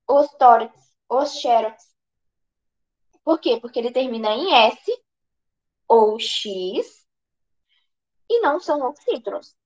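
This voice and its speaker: A Brazilian woman with a high voice teaches grammar for an exam. She asks questions and answers them herself, often restarting her sentences. The recording sounds dull and lo-fi. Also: darkish tone. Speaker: exam prep tutor. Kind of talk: online grammar lesson.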